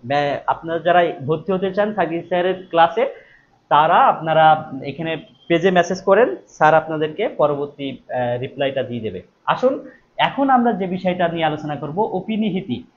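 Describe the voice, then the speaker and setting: A man's voice: on the high side, expressive, normal speed. A man teaching a live online exam-prep class, repeating each question and then answering it himself, stressing key words. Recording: dull lo-fi stream audio with faint noise.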